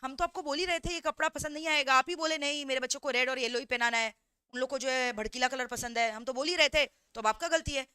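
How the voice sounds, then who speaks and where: A woman's voice: high voice, steady tone, quick pace, pushed and bright, clear, resonant tone, dry recording, clean studio sound. A woman voicing a stubborn male market shopkeeper who dismissively refuses any exchange. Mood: smug. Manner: dismissive, scolding.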